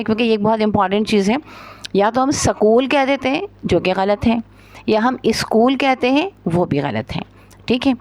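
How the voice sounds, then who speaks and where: A woman with a Pakistani Urdu accent teaching English. She reads the English sentences slowly, explains them, and spells words out letter by letter. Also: mid-range voice, darkish tone, no room sound. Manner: slow and careful reading of English, then explaining it. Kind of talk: spoken textbook lesson.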